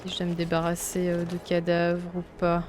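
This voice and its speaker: A fairly low, monotone female voice at normal speed belongs to a young woman from Belgium doing a casual let's-play. She thinks aloud and swears often as she plays a video game, faint game music in the background.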